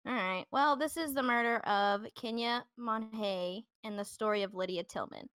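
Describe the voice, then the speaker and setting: A woman's voice: fairly high pitch, moderate pace, a bit bright, clean tone, no room sound. A woman in her twenties, co-hosting a true crime podcast, chatting casually with lots of fillers and some swearing. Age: 20s. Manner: chatty, filler-heavy, swearing, self-deprecating. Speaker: podcast co-host telling a true crime story. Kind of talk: casual podcast chat and storytelling.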